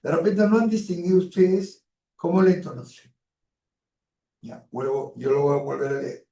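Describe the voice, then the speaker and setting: A man's voice: on the high side, lively intonation, moderate pace, creaky, warm tone, echoey room, distant mic. A man giving an online university class. He stretches words out for emphasis, uses many fillers and speaks to his students in a direct, colloquial way. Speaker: university lecturer.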